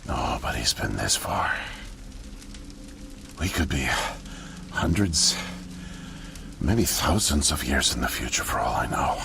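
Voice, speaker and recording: An actor playing a weak, weary old janitor who is secretly a spy, speaking slowly and low in a video game. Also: male voice, animated, gravelly, noisy background, full character voice. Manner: slow, low confessional delivery. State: weak and thirsty. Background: game music.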